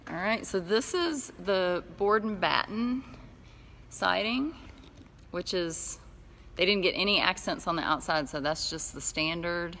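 Speaking at a measured pace in a fairly low, fairly bright voice, this middle-aged woman shows viewers the tiny houses she builds, both on the outdoor lot and inside. She's chatty and quick to laugh throughout the informal tour, and there's slight background noise.

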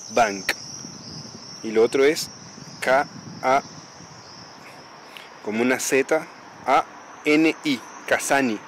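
A man walks through quiet city streets outdoors at dawn, reading shop signs aloud and spelling them letter by letter. His pitch sits in the middle for a man, and he talks casually, often repeating himself. Faint street noise and passing traffic sit under his voice. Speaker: travel vlogger.

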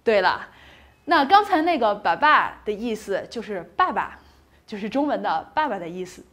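A woman's voice: medium pitch, very animated, moderate pace. A woman teaching a recorded pronunciation lesson, patient and encouraging, saying each sound twice and asking the class questions before answering them herself.

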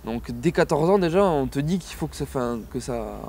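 Young man, dark soft reflective voice. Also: mid-range voice, animated, a little fast, slight background noise. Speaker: rugby sevens player. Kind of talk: casual interview.

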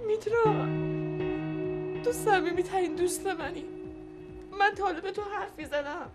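A tearful, confiding unhappy wife. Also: female voice, extremely high pitch, loud music behind the voice. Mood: despairing. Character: unhappy wife pouring out her troubles. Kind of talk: film drama acting.

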